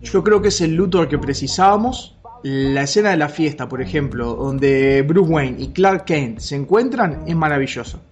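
A podcast co-host in casual banter, deadpan and confidently enthusiastic. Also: mid-range voice, normal speed, highs cut off.

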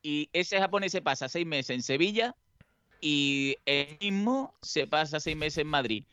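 A man's voice: a little high, unhurried, bright, forceful tone, smooth, no echo, highs cut off. A man, co-hosting a casual podcast and emphatically explaining with examples. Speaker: podcast co-host.

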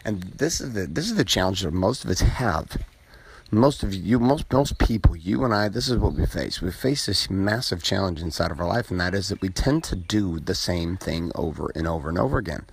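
A man giving a casual motivational monologue as a podcast host, keeping his voice quiet so as not to wake someone, recording on a phone. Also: sits low, animated, a little fast, vocal fry, slight background noise. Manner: quiet, held back to avoid waking someone asleep.

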